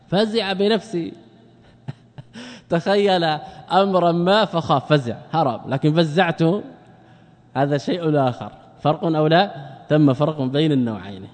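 A man's voice: a little high, darkish tone, long reverb tail. A male sheikh teaching a grammar lesson, often asking and answering his own questions and repeating words for emphasis. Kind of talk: classroom lecture on Arabic grammar.

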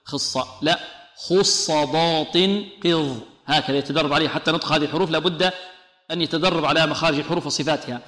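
A man leads a Quran recitation lesson in a bright, forceful voice, a little higher than most men. He poses questions, answers them, and repeats letters and verses slowly to show how they sound. The room around him rings with echo. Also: steady tone. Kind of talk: tajweed lesson with recited demonstrations.

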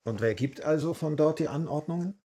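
An actor playing a curious young man who asks questions and flatters, in a radio drama. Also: fairly high pitch, a little fast, natural voice.

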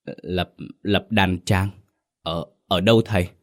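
A man's voice: low-pitched, fairly even intonation, slow. Man voicing a stammering old fish farmer. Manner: stammering, anxious, pleading.

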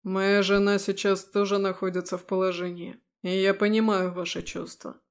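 A woman reading an audiobook, voicing a calm, stern male guard commander with a level, firm delivery. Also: mid-range voice, moderate pace, lightly acted. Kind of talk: audiobook character voice.

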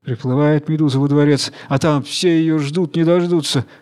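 A man narrating a fairy tale in a measured storytelling manner. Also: fairly high pitch, fairly even intonation, a little mellow, clean tone.

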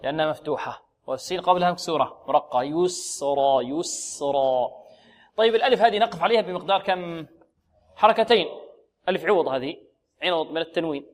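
On a radio tajweed lesson, this male teacher of Quran recitation draws out example words slowly, poses questions to his students, and supplies the answers himself. His voice is on the high side and expressive.

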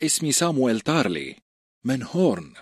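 Audiobook: man voicing a timid, stammering fat boy, raised and husky. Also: medium pitch, big pitch swings, a little fast, no room sound, clean studio sound, voice pushed up. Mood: shy. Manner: hesitant, stammering, apologetic. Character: plump timid teenage boy, stammering coward. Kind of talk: audiobook character voice.

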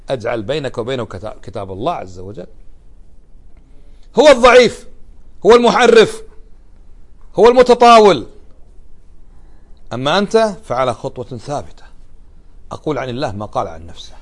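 A middle-aged man gives an animated religious lecture, often putting questions to his listeners and answering them himself. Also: medium pitch, fast, pauses often. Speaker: religious teacher. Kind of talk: lecture explaining a religious text.

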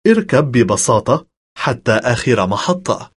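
Male, slightly husky, measured phrasebook narrator for language lessons. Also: mid-range voice, big pitch swings. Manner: measured, instructional delivery.

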